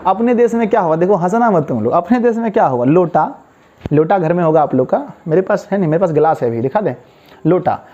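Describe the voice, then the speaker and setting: A man's voice: high voice, animated, fast, dark tone. A man teaching a Hindi grammar class online, drilling students with call-and-response repetition and answering his own questions. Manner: casual, asks rhetorical questions and answers them. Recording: dull lo-fi recording.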